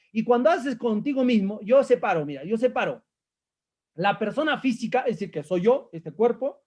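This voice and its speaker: A man's voice: sits high, darkish tone, dull audio. A man leading a live motivational coaching session, speaking emphatically, repeating key phrases and putting questions to his audience. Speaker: life coach.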